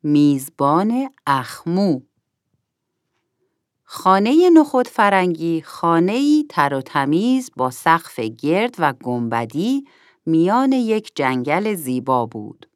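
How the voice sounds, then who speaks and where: A woman reads a children's story aloud, her voice sitting on the lower side and moving through a lively, animated melody. The sound is dry and close to the mic. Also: no echo.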